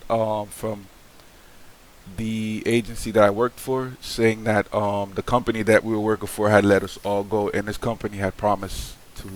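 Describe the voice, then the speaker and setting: A man's voice: on the low side, fairly bright tone. A young man talking casually to the camera in a loose, slangy way, full of fillers and restarts, frankly airing a grievance. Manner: aggrieved, frank venting. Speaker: vlogger. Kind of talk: casual vlog monologue.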